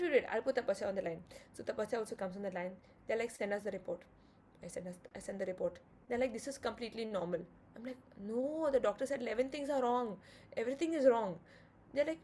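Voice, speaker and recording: A woman's voice: medium pitch, gravelly, a little mellow, slight background noise. A woman tells her birth story in an emotional, vivid way, acting out the voices of others and correcting herself as she goes. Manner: vivid retelling with quoted dialogue and self-corrections.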